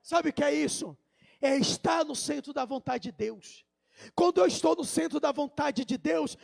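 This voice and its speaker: A man with a Brazilian accent preaches in church. His voice sits very high and carries a heavy gravelly fry. He tells his story softly, then climbs into loud, shouted declarations. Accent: Brazilian Portuguese. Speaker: pastor. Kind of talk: Pentecostal sermon.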